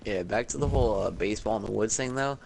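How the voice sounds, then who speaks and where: A man's voice: on the low side, fast, creaky. A young man chatting casually with a friend while gaming, laid-back and full of fillers, on a noisy game-chat recording.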